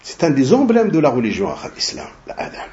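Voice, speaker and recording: A man with a somewhat high voice delivers a religious lesson, speaking slowly and deliberately and checking in with short tag questions. The recording sounds dull and lo-fi. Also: wildly swooping pitch, dark tone, slight background noise. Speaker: religious lecturer translating a sheikh's talk.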